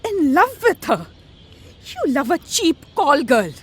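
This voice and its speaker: Imperious wealthy matriarch, high-pitched. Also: female voice, very animated, slow, full character voice. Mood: scornful, angry. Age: middle-aged. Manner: imperious, scornful, commanding. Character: haughty, threatening wealthy family matriarch, mother of grown son. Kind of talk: radio drama acting.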